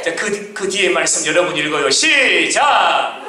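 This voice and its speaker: A male pastor delivers a fervent sermon with a high, lively voice that jumps from soft asides to shouted refrains. He sounds far from the mic, in a roomy church with steady background noise. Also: unhurried, a loud crowd. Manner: emphatic preaching, repeated refrains, calls for amen. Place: church sanctuary. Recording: echoey church from a distance.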